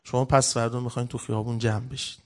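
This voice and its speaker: A man preaching at a religious gathering, retelling a story with fervent emotion, his voice rising and swelling in the dramatic scenes, and often clearing his throat. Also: medium pitch, flat delivery, darkish tone.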